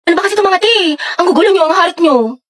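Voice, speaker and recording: A young woman plays out a comedy sketch full of teasing schoolgirl chatter. Her voice is high and lively, and the delivery stays playful. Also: racing.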